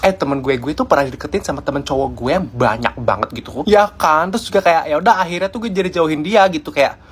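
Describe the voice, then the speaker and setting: A woman's voice: sits low, quick pace, a little hiss or hum. A young woman, chatting in slangy banter while playing characters in comedy sketches. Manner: chatty slangy Jakarta-style banter, switching voices. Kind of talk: comedic POV sketches playing several schoolgirls.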